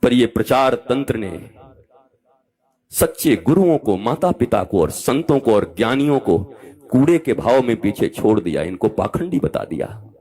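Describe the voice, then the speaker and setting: A spiritual teacher in his fifties delivers a live discourse with a mid-pitched male voice. He talks animatedly, rising into loud exhortation and falling to soft, familiar asides. He addresses his listeners directly and affectionately. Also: very animated, unhurried, husky. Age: 50s.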